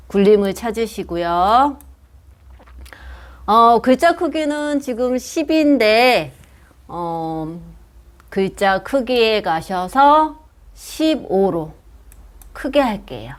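Slow, patient woman computer teacher. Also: medium pitch. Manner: patient, slow, guiding step by step with frequent "ye" and "ja". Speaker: computer class instructor. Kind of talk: step-by-step software lesson. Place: senior welfare center classroom.

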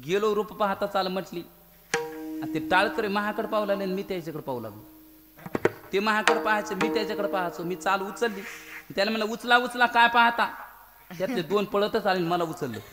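A male kirtan preacher delivering a devotional sermon with animated storytelling and loud devotional cries. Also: high voice, fast talker. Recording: echoey hall with instrument music.

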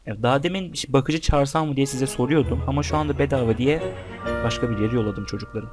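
A man's voice: medium pitch, fast, over music. Chatty young man narrating his gameplay. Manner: chatty, talks to the game characters and the viewers. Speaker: gameplay commentator. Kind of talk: casual let's-play commentary.

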